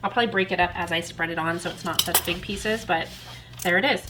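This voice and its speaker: A woman's voice: lowish voice, quick pace, background noise. Chatty woman cooking at home. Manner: chatty, self-deprecating, talks while working. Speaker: cooking channel host. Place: home kitchen.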